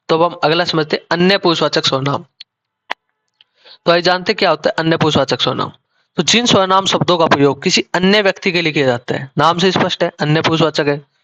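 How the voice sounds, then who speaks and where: A man with a somewhat high voice teaches a grammar lesson. He explains slowly and repeats himself, often breaking off and restarting his phrases. The recording sounds dull and lo-fi. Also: fairly bright tone. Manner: slow, repetitive explaining with self-corrections.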